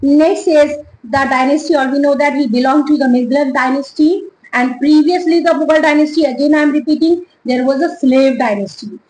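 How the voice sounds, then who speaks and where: A woman with an Indian English accent teaching an online history lesson, slowly dictating and repeating dates and names for students to note down. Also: high voice, darkish tone, reverberant, a little hiss or hum, low-quality recording.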